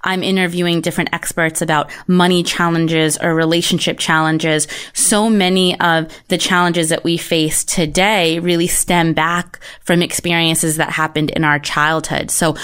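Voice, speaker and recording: A woman's voice: fairly low pitch, level tone, moderate pace, few pauses, a bit bright, clean tone. A woman hosting an online summit, interviewing an expert with affirming follow-up questions.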